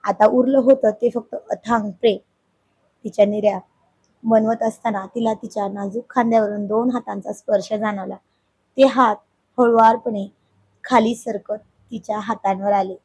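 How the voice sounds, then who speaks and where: A hoarse woman with a husky voice narrating a romantic family story in a soft, unhurried way. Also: mid-range voice, fairly even intonation.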